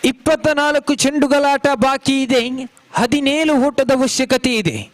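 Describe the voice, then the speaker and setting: A man's voice: extremely high pitch, measured pace. A man. His delivery is flowing and formal, and it lifts when a big shot comes. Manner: flowing, formal commentary with rising calls on big shots. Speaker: cricket commentator. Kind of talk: live cricket commentary. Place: cricket ground.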